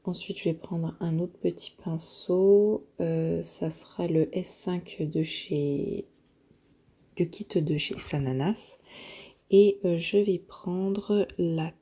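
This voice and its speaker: A woman narrating a makeup tutorial, hesitant and full of filler pauses, often dropping to a near-whisper while she works. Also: lowish voice, steady tone, warm tone, breathy edge. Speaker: beauty vlogger.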